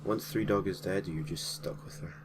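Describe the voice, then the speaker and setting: With a deep voice at a moderate pace, a man narrates a gaming story, with background noise audible. As host and narrator of a gaming creepypasta series, he reads his script informally, dropping in casual, slightly hesitant asides.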